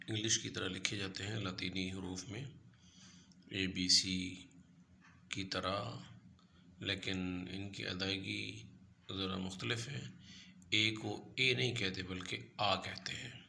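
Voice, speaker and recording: Slow, bright-voiced man teaching letters. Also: lowish voice, steady tone, vocal fry, a little hiss or hum. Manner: patient, spells letters out one by one. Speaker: language teacher. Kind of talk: lesson narration over a chart.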